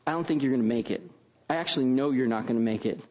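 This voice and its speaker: A man's voice: mid-range voice, racing, a little mellow, dull audio. A man preaching a conversational sermon, mixing stories into the teaching and often adding "right?" to check in. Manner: casual, frequent tag questions. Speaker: pastor.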